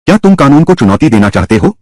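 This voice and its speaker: A man's voice: mid-range voice, very animated, quick pace, a little mellow, no echo, pitched above the performer's own voice, close to an everyday voice. Man voicing an arrogant harsh young nobleman. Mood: indignant. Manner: contemptuous, lecturing.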